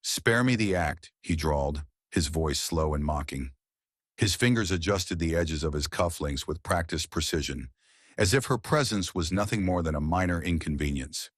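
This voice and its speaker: A man narrating a romance story in a measured, dramatic storytelling manner. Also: a bass voice, husky, no echo, studio quality.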